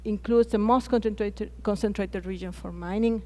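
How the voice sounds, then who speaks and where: A woman's voice: medium pitch, fairly even intonation, moderate pace, dark tone. Chilean-accented woman, hesitant panel speaker. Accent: Chilean Spanish. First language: Spanish. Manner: hesitant, frequent restarts and fillers. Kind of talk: conference panel talk.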